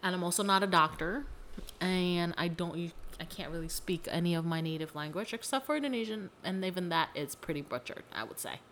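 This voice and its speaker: Speaking a little fast, this young podcast co-host has a lowish, slightly bright voice, with a bit of background noise behind her. The conversation is a casual chat, and she keeps things informal, playful, and self-mocking.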